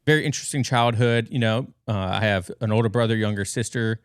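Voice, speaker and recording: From his bedroom at home, a thirty-something American man from the western United States guests on a podcast, casually rambling through stories. He talks fast in a smooth voice on the low side, captured in a dry, studio-quality recording.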